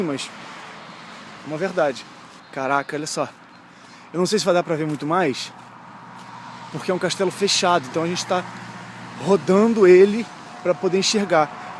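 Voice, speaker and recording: High-voiced chatty young man. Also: a little mellow, a little hiss or hum. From Brazil. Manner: chatty, slangy, easily amazed. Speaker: travel vlogger. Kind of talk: casual walking vlog. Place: outdoors on a town street.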